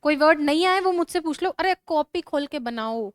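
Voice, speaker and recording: A woman teacher with a Rajasthani Hindi accent, giving a classroom lecture in a brisk, scolding way and urging students to write fast. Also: high-pitched, expressive, no room sound.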